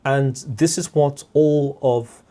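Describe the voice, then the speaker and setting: A middle-aged man from Guyana, speaking as a podcast guest in a reflective discussion, measured and repeating words, often checking in with "all right?". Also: medium pitch, steady tone, dark tone.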